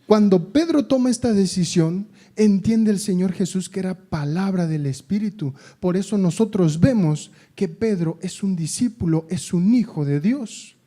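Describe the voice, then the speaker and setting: A man preaching a sermon in a house of prayer, emphatic and repetitive, slowing down to read scripture. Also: high voice, mellow. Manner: emphatic, repeats phrases, slows down to read scripture.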